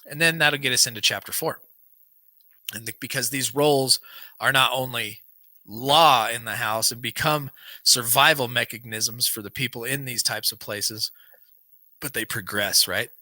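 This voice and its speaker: His throat dry and his voice going, a man hosting a podcast reads from a book and then slips into casual, earnest chat. The medium-pitched voice is pushed and bright, recorded dry through a large boom-arm studio mic in a small home studio with a banner behind him.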